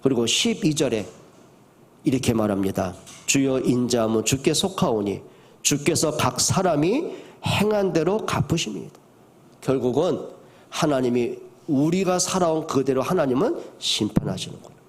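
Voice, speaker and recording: An older man, a pastor, preaching a sermon, moving from soft to loud and asking the congregation questions. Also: medium pitch, expressive, normal speed.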